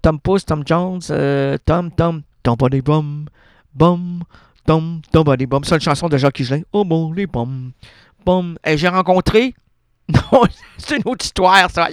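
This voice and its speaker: A man's voice: high-pitched, fairly bright tone, no echo, studio quality. A man with a Québécois accent hosting a radio show, rambling freely with playful wordplay and constant self-corrections. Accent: Québécois French. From Quebec. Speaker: radio host. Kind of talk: freewheeling absurdist radio monologue. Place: radio studio.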